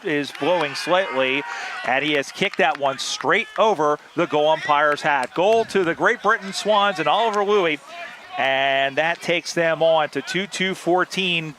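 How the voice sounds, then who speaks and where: A man's voice: fairly high pitch, unhurried. Chatty man commentating outdoors. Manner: chatty, drifts into asides. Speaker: play-by-play commentator. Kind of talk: live sports commentary. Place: outdoors beside a sports field. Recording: outdoor field with loud background noise.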